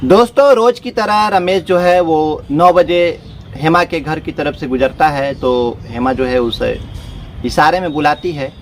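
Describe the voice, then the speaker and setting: A man's voice: fairly high pitch, measured pace, a little hiss or hum. A man casually narrating a story, talking to his listeners as friends in loose, repetitive phrasing.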